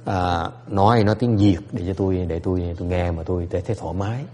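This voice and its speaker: A man teaches in a temple hall, his low, mellow voice carried by a long reverb. He moves between English and Vietnamese, pausing on fillers and putting questions to his listeners. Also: fairly even intonation, slight background noise. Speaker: Buddhist teacher. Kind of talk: bilingual dharma talk.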